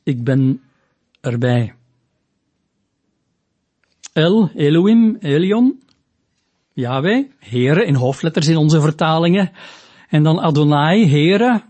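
Man preaching, husky and fairly high-voiced, slow emphatic delivery. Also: animated, darkish tone. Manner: slow, deliberate and emphatic, with rising quoted lines. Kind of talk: sermon teaching on scripture.

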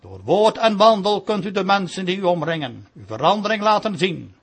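Male preacher, solemn and pleading, high voice, husky. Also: big pitch swings, moderate pace. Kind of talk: sermon.

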